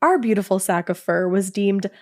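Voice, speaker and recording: A woman co-hosting a podcast, reading a listener's story aloud in a casual, animated, profane way and laughing as she goes. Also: mid-range voice, normal speed, heavy background noise.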